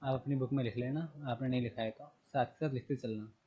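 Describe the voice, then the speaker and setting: A man with a medium-pitched, warm, husky voice and fairly even intonation speaks quickly on a recording with the highs cut off. In this recorded classroom lesson on general knowledge, he asks questions and answers them himself, repeats terms, and spells words out letter by letter.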